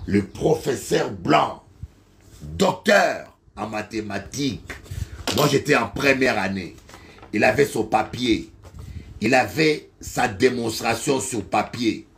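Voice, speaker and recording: A middle-aged man with a Congolese French accent, preaching a sermon and telling a personal story, slow and then loud and high. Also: lively intonation, creaky, a little hiss or hum. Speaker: bishop preacher.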